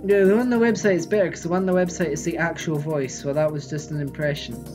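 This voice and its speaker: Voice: mid-range voice, steady tone, fast talker, over music. A live streamer giving casual commentary while playing a game, thinking aloud and answering chat.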